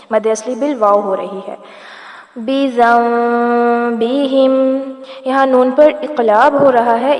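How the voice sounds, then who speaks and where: A woman teaching Quran recitation, giving brisk explanations between slow, drawn-out recited verses. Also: fairly high pitch. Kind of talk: tajweed lesson, explaining and reciting. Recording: echoey room with long reverb and faint music.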